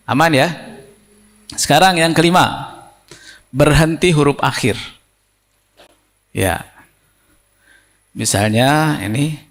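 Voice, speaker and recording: A man teaching Quran recitation rules step by step to a class, often checking whether his listeners understand. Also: on the high side. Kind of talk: tajwid lesson for teachers.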